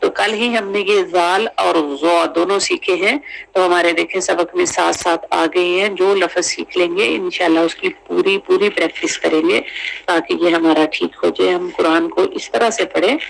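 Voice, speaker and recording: A Quran recitation teacher giving a tajweed lesson, drilling syllables slowly and repeating each sound many times, with English teaching terms mixed in. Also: medium pitch, fairly even intonation, creaky, poor audio.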